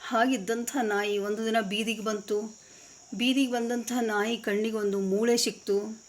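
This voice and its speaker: A woman's voice: fairly high pitch, level tone, unhurried. Give me an earnest woman storyteller giving a moral talk.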